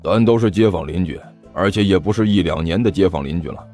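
Narrator putting on a deep, husky, suspicious middle-aged uncle, lecturing in an audiobook, faint music behind. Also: male voice, fast talker, darkish tone. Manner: stern lecturing, scolding.

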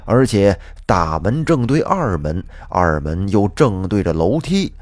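A man's voice: sits low, big pitch swings, dry recording, heavily acted. A man playing a solemn Taoist feng shui master. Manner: slow, drawn-out pronouncements.

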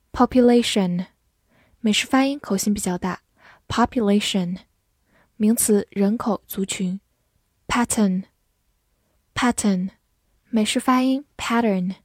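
A woman teaching English vocabulary, saying each word twice and then giving its part of speech and meanings in a measured, lesson-style delivery. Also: on the high side, dark tone, no room sound, clean studio sound. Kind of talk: slow vocabulary review lesson.

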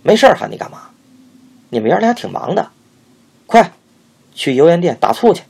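A man's voice: sing-song, fairly quick, creaky, a little mellow, slightly rough, exaggerated voice. A man voicing a stingy, cruel middle-aged old-Beijing woman who bosses and scolds a young apprentice. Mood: scolding. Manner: shrill, scolding, bossy.

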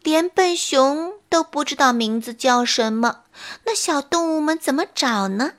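Woman narrator for a children's bedtime story, high pitch, unhurried, tender. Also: animated. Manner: slow, soft and tender.

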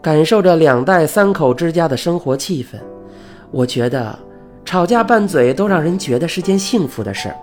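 讲故事的男声，语调起伏. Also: male voice, fairly high pitch, moderate pace. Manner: lively storytelling. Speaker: narrator. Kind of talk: audiobook narration. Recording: faint background music.

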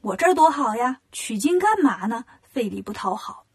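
A woman's voice: on the high side, big pitch swings, normal speed, slightly rough, heavily acted. A woman doing a coaxing female demon. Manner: coaxing, teasing. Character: scheming, flirtatious female demon in a cave.

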